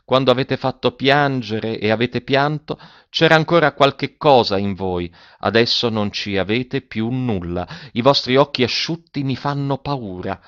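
A man's voice: mid-range voice, a bit bright, clean tone, no echo, highs cut off, lightly acted. A man reading the part of a proud, wounded young woman in a tense, restrained way.

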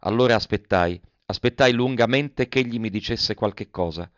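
A man reading a first-person letter novel aloud with emotional, lingering delivery and soft pauses. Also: on the low side, no echo. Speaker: audiobook reader. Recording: dull, dry lo-fi audiobook recording.

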